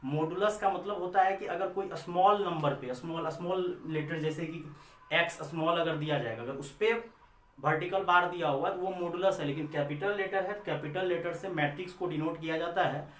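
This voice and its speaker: An Indian man teaches maths in a classroom lecture, repeating his points and answering his own questions. His voice sits a little high. The recording is roomy and echoey, with the mic set some way off. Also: moderate pace, fairly bright tone. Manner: addresses students as children. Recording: echoey room, mic far off.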